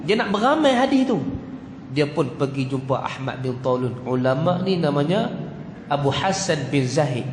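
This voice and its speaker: A man with a Kedah Malay accent telling a storytelling sermon in a mosque, swinging between loud bursts and hushed asides. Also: high-pitched. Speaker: religious teacher. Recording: echoey mosque hall, faint hum.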